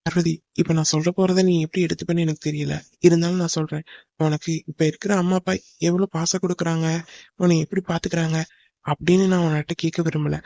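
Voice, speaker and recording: A man's voice: on the high side, a little mellow, no room sound, lightly acted. A man voicing Hari, an earnest young lover. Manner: pleading, soothing. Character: earnest young man in love, tender and reassuring. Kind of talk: cartoon drama voice acting. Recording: dull lo-fi dry recording.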